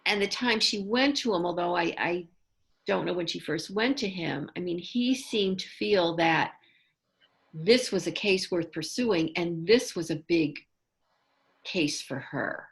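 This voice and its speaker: A woman's voice: fairly low pitch, a little slow. A woman leading a casual book club discussion, hesitant with many restarts and fillers, at times reading a passage aloud.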